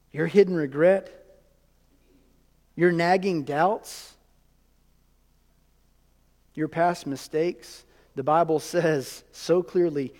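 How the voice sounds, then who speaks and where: A man delivers a sermon in a high, ringing voice that carries a long hall echo. He preaches with animated emphasis, then drops to hushed, near-whispered lines. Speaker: pastor.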